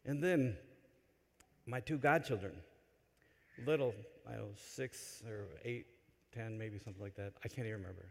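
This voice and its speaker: A man delivering a homily in a church, telling stories with animated swings between loud excitement and quiet asides. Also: lowish voice, normal speed, vocal fry, long pauses. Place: large church. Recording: long church reverb. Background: church hall.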